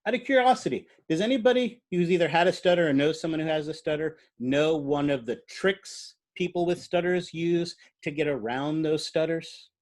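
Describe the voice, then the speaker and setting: A man's voice: fairly high pitch, moderate pace, hardly any pauses, a little mellow. A man giving a biology lecture in a classroom. He explains at an easy, conversational pace, uses fillers like "uh," and puts questions to the students.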